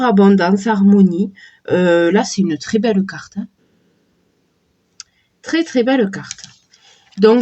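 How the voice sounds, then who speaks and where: A woman with a cold and a sore throat, slowly and hesitantly chatting while showing a deck of oracle cards. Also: medium pitch, a little mellow, muffled recording. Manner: slow, hesitant, many fillers and restarts. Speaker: tarot and oracle card reviewer. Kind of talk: casual unboxing chat.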